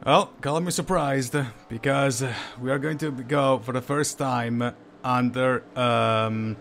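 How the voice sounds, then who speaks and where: Hesitant, excitable male race commentator. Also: mid-range voice, slow pace, a little hiss or hum. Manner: hesitant, filler-heavy, unsure of positions; bursts into excitement at incidents. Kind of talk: live sim racing commentary.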